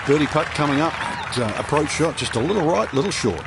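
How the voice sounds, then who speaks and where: A man's voice: fairly high pitch, expressive, fairly quick, vocal fry. A man giving brief shot analysis as a co-commentator on a golf broadcast. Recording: loud crowd and outdoor noise behind.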